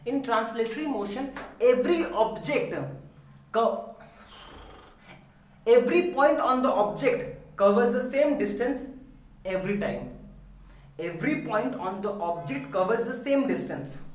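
A woman physics teacher explains a lesson step by step and often asks the class whether it is clear. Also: fairly high pitch, darkish tone. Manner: explains step by step, checks understanding with questions. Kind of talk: recorded online lecture. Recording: echoey room, voice from a distance.

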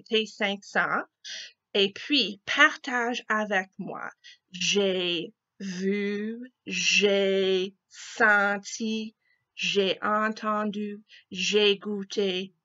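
A woman teacher reading a picture book aloud to children, slowly and expressively, asking them questions. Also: mid-range voice, pushed and bright, lo-fi sound.

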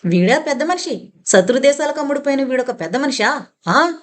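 A woman's voice: fairly high pitch, steady tone, normal speed, lightly acted. Woman voicing a raging young soldier. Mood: furious. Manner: roaring, accusing, shouting in fury. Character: enraged young army man, believes he is a dead major.

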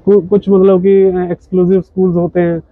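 High-pitched, level, and brisk, the voice belongs to a man in his thirties working a footwear stall inside an exhibition hall. He patiently describes the shoes, using lots of fillers and polite "ji, sir," and the recording is echo-free with phone-quality audio.

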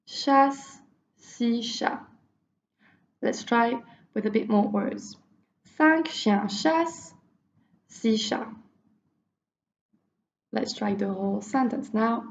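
Teacher, female, fairly high voice, unhurried drill pacing. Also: expressive, reverberant, muffled recording. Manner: slow, careful pronunciation drills. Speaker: French teacher. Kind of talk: language lesson.

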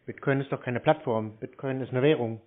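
Over a tinny phone line, a man of medium pitch talks a little fast, sarcastically needling a scam caller he's pranking.

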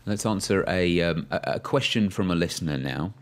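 Cricket podcast host, male, very low voice, loose chatty delivery. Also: normal speed. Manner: relaxed, chatty, many fillers and restarts. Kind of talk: casual podcast chat.

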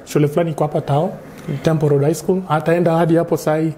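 A young man with a Kenyan accent, a guest chatting candidly, mixing English and Swahili with halting restarts, recorded on a restaurant set. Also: on the high side, little pitch movement, warm tone. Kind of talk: casual interview chat.

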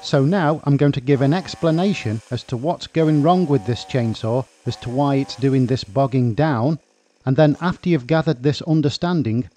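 A man narrating a repair tutorial, explaining engine workings in a steady, methodical way. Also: medium pitch, slight background noise. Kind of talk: scripted instructional narration.

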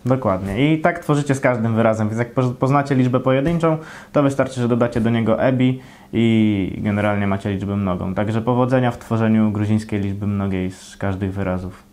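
A man's voice: on the low side, fairly quick, a little mellow. A young man hosting, explaining grammar in a chatty, lightly joking way. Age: young adult. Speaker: host. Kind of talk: casual explainer. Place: small indoor room, flag backdrop.

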